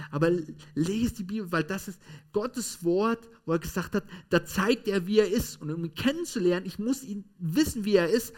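Male preacher, slightly high voice, tells a sermon story and checks in with listeners. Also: darkish tone. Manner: storytelling with shifting emphasis, frequent "ne?" and "ja?" tags. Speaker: pastor.

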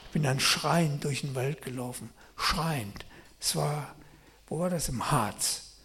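A middle-aged man preaching a sermon. He reads scripture quietly and tells his own stories loudly and with excitement. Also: on the high side, takes it slowly, slight background noise. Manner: swings from quiet scripture reading to loud excited storytelling.

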